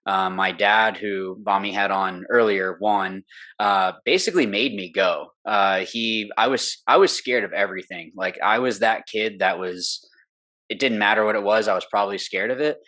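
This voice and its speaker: Talking from a home studio room, this young pro paintball player chats as an interview guest, going on earnestly and rambling with many fillers. His voice is fairly low in pitch, sharp in tone, at a moderate pace.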